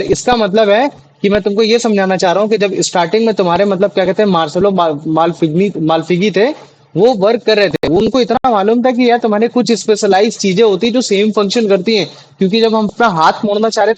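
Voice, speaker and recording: In a low-quality recording, a young man teaches an online class in Hindi, his voice sitting high. He tutors students patiently, often restarting and using lots of fillers.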